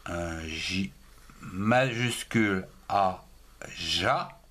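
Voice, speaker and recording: A man giving a slow handwriting lesson for young children, spelling words letter by letter and syllable by syllable. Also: sits low, fairly bright tone. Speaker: teacher.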